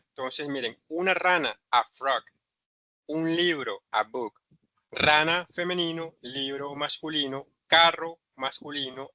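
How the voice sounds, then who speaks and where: A man's voice: medium pitch, bright, forceful tone, no echo. A man teaching an English grammar lesson, patiently repeating and spelling out examples.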